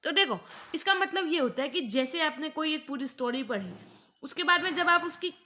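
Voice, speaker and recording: High-voiced Indian woman teacher. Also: lively intonation, sharp tone. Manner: explains in Hindi, reads English lines slowly. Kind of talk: online class lecture.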